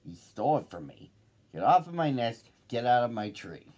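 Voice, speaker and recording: A man voicing a lazy, selfish female bird in a storybook reading, shrill and sputtering. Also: very animated, moderate pace, darkish tone. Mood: indignant.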